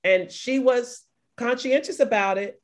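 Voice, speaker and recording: A woman in her forties, co-hosting a casual podcast chat, telling a story with lively energy and frequent laughter. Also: fairly high pitch, unhurried. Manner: animated storytelling, laughing often. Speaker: podcast co-host.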